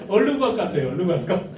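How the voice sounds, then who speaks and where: A middle-aged man giving a lively lecture on family life, joking with the audience and asking them questions. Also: sits high. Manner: animated, jokey, asks audience questions. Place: lecture hall. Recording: echoey hall, distant mic, faint noise.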